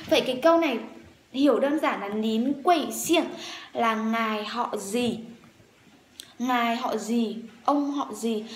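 Woman, language teacher, slow repeat-after-me drilling, echoey room with faint noise. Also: on the high side. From Vietnam. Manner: drills words slowly and repeats them several times.

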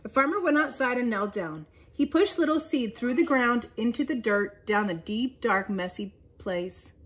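A woman leading children's chapel, reading a children's story aloud with lively storytelling emphasis. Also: on the high side, moderate pace.

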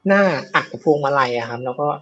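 A man's voice: medium pitch, animated, fast, bright, forceful tone, dull audio. A man telling a ghost story in a casual, chatty way, with many fillers and repeats, on a live show. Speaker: guest storyteller of ghost stories.

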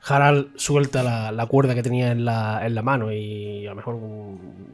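A man playing a tabletop role-playing game, describing his character's actions in a halting way. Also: medium pitch, steady tone, soft background music. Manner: halting, with fillers. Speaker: player. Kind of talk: casual game talk.

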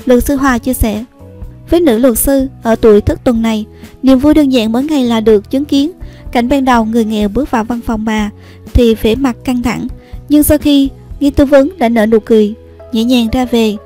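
A woman narrating a scripted news report in a steady, even read. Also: on the high side, moderate pace, soft background music. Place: voice-over recorded apart from the pictured places.

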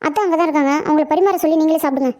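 [name], a performer doing a squeaky, fast-talking village wife. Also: steady tone, a little mellow, natural voice. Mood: sulking. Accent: Tamil Nadu. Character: patient village housewife, devoted to her husband. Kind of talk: cartoon voice acting.

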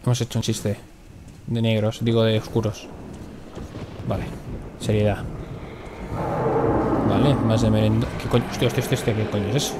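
A man's voice: fairly low pitch, moderate pace, pauses often, heavy background noise. A man from Spain with a Spanish accent, commenting on his own game and swearing a lot when he gets nervous in fights. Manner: swears often, jumpy and excitable in fights. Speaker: gaming commentator. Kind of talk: let's play commentary.

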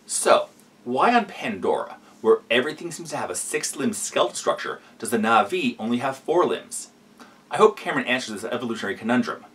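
A man's voice: medium pitch, sing-song, brisk, a bit bright, recorded from a distance. A man hosting a reaction video, giving sarcastic, explanatory commentary.

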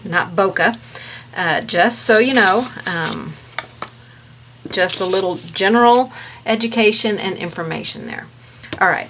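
A woman walks viewers through a painting lesson in an easygoing, chatty manner, often pausing on fillers as she works. Her voice sits on the lower side. A faint hiss runs under the recording. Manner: relaxed, chatty, with many fillers. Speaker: painting instructor. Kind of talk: paint-along tutorial.

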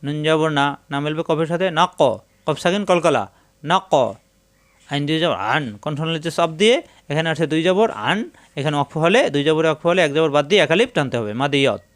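A man with a Bangladeshi Bengali accent gives a methodical Quran spelling lesson, breaking words into syllables and drawing each one out in a slow chant. His voice sits a little high and sounds clear and resonant. The recording is dry and close, with no room sound. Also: no room sound. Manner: slow drawn-out chanting of Arabic words between plain explanations. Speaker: Quran reading teacher. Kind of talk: step-by-step spelling and pronunciation lesson.

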